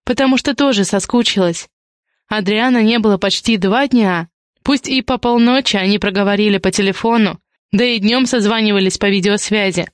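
A woman reading a romance novel aloud as an audiobook narrator, in calm, even storytelling. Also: mid-range voice, moderate pace, no room sound, studio quality.

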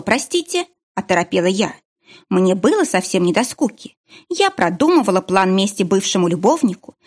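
Expressive woman reading an audiobook. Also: mid-range voice. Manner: expressive, emotional dialogue delivery. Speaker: audiobook narrator. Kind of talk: first-person audiobook reading.

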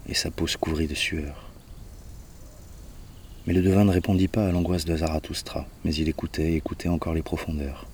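Man with a very low voice reading. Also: steady tone, a little fast, darkish tone, a little hiss or hum. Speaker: audiobook reader. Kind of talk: audiobook narration of a philosophical poem.

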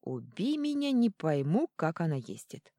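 A bluff, joking king speaks bluntly and in exclamations, as a woman acts him out. His voice sits raised above her own and swings lively. It is a storybook reading, recorded dry and close. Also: low-pitched, a little slow, no room sound, exaggerated voice. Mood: exasperated. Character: bluff, joking middle-aged male king.

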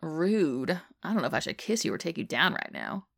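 A woman's voice: low-pitched, sing-song, brisk, vocal fry, fairly bright tone, full character voice. A woman reading the lines of a playful middle-aged baker who teases his husband. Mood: teasing.

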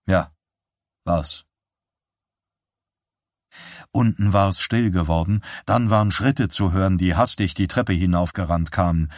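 Low-voiced man narrating a novel. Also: moderate pace, few pauses, no room sound. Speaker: audiobook narrator. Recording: dry close studio sound.

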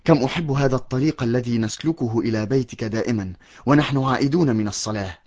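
A man's voice: mid-range voice, fast, a little mellow, lo-fi sound, natural voice. A man playing a timid, curious young boy who stammers when scared, in a children's audio drama. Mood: gentle.

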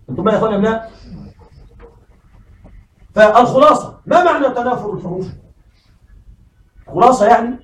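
A man teaching a classroom lesson. He keeps asking his students questions and says words slowly, over and over. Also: very high voice, roomy sound, distant mic, slight background noise, poor audio.

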